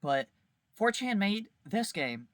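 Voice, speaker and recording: A video creator reviewing a visual novel delivers wry, informal commentary packed with emphatic exaggeration. His high-sitting voice is very animated but slow, slightly bright, and recorded dry.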